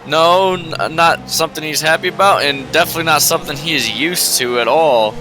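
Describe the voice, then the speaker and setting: A man's voice: fairly high pitch, a little fast, over music, rough recording. A man giving live sim-racing commentary as a motorsport commentator, repeating words for emphasis.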